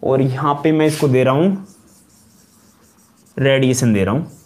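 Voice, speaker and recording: A man's voice: mid-range voice, a little slow. A man with a Rajasthani-tinged Hindi accent teaching a college chemistry class, repeating each term and quizzing his students. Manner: repetitive call-and-response questioning, calls students "beta". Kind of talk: classroom lecture.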